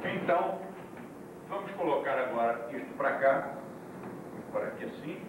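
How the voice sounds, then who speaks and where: A man teaching a yoga class in a deliberate, explanatory way, heard on an old VHS tape recording. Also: mid-range voice, animated. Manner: deliberate, explains terms one by one, with asides to the class. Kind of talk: classroom lecture. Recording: echoey, distant, noisy old VHS recording.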